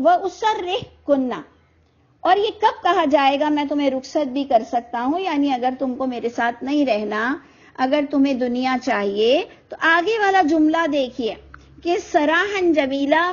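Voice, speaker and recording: Middle-aged woman preaching on the quran, high voice, fired up, kinda dull lo-fi sound. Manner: impassioned, scolding, rhetorical questions. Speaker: Quran teacher. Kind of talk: Urdu Quran lesson. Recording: dull lo-fi recording.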